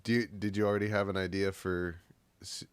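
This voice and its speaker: A man's voice: sits low, little pitch movement, a little fast, smooth, no room sound. A young man co-hosting a casual live stream about composing, jokey and chatty, saying "like" a lot and laughing easily. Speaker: co-host of a music-making live stream. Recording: faint music behind the voice.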